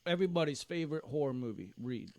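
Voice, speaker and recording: Slightly high man asking the questions. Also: fast, no echo. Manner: relaxed, asks questions, teasing. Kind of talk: casual chat.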